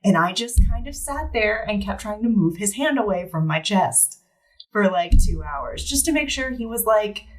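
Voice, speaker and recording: A woman co-hosting a podcast, telling a story in a casual, animated way and acting out the quotes. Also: mid-range voice, normal speed, distant mic, poor audio. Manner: animated, swearing, acts out quotes. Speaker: podcast co-host.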